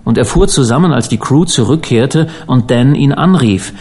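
A man reading a sea adventure aloud in measured, dramatic audiobook narration. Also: medium pitch, expressive, a little mellow, breathy edge. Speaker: audiobook reader.

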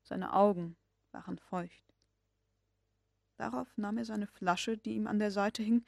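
A woman narrating a classic novel as an audiobook reader, measured and expressive. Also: medium pitch, vocal fry, no echo, studio quality.

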